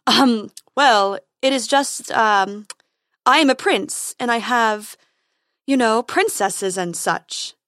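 A boastful young prince calls out loudly and a little high, acted by a woman reading aloud. The sound is close and dry. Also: normal speed, hardly any pauses, no echo, close to an everyday voice. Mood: nervous. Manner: hesitant, squeaky. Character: young nervous male knight prince, boastful.

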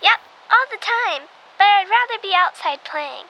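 Brief: curious little girl caller, very high bright voice, faint background hiss, acted by a woman. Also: lively intonation, measured pace, heavily acted, rough recording. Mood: earnest. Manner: earnest, curious. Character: earnest nine-year-old girl caller.

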